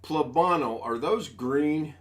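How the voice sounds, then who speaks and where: Taking it slowly, a man in his sixties from the United States chats on a home live stream using a desk USB microphone. His voice is on the high side and a bit bright, and his talk is rambling, folksy, and self-deprecating.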